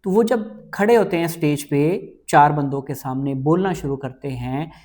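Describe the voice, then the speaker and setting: An earnest man coaching students on English test speaking, talking straight to camera. He weaves English terms into his everyday speech and slows right down to stress the English lines. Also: a little high, darkish tone. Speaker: IELTS teacher and channel host. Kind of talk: explanatory talk to camera.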